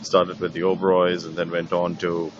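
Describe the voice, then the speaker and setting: Low-voiced middle-aged man from Nepal. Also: completely flat delivery, moderate pace, lo-fi sound, background noise. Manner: thoughtful, with many fillers and restarts. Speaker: painter. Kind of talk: conversational interview.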